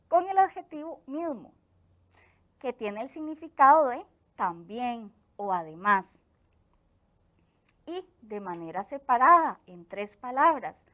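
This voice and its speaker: Docente que explica despacio y con viveza. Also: female voice, a little high, a bit bright. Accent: Costa Rican. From Costa Rica. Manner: slow, clear explanatory delivery. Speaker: teacher. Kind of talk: televised grammar lesson.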